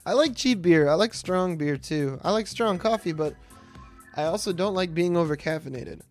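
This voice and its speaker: A man in his late twenties hosts a game stream, rambling through casual commentary while swearing freely and poking fun at himself. His high-pitched voice has lively intonation and a moderate pace. Faint music plays behind him.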